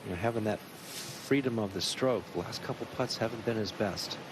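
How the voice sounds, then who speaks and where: A man's voice: on the low side, moderate pace. A man giving live golf commentary as a commentator outdoors on the course. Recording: loud outdoor course noise.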